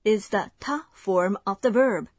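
A woman hosting a language lesson, giving clear, measured scripted explanations. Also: mid-range voice, dry recording.

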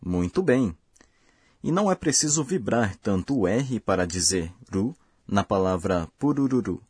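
A man hosting a language course, giving slow, careful, scripted explanations. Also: on the low side, expressive, a little mellow, breathy edge, no echo, studio quality. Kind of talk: scripted lesson narration.

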